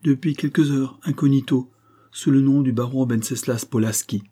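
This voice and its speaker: A man's voice: medium pitch, moderate pace, warm tone, husky, voice pushed up, lightly acted. A man reading the lines of a sly, sardonic Portuguese henchman in an audiobook, in a dry, matter-of-fact way.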